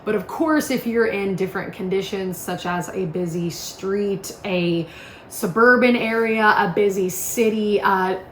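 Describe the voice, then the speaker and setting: Speaking a little slowly at medium pitch, a woman presents a product in an informal, cheerful, talkative way. Her recording has room echo and a faint background hiss.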